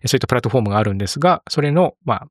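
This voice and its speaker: A middle-aged man hosting a podcast, running through announcements in a brisk, chatty way. He speaks quickly in a mid-range voice, recorded close with no room sound. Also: mid-range voice, lively intonation, no room sound. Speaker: podcast host. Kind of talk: casual podcast chat.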